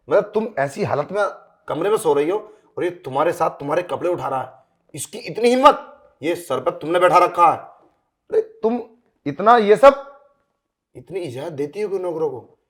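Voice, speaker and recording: A furious husband shouts accusations at a servant and his wife in a short film drama, as a man plays him. His voice runs high and loud. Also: lightly acted. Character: furious husband, master of the house.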